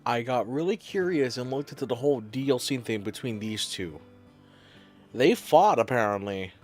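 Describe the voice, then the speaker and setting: A game streamer reacting live, mid-pitched with a lively, swinging delivery. The talk rambles in playful, laughing asides. Quiet game music plays underneath. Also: moderate pace.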